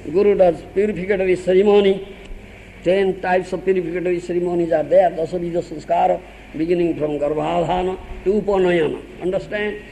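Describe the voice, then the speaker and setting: A man's voice: sits high, warm tone, big-room sound, a little hiss or hum, low-quality recording. An older man with an Odia accent, a spiritual teacher giving a sermon, laughing often and questioning his listeners.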